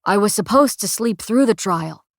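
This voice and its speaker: A woman reading the lines of a remorseful young male soldier in a soft, choked, low-key way. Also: animated, normal speed, vocal fry, dry recording, clean studio sound.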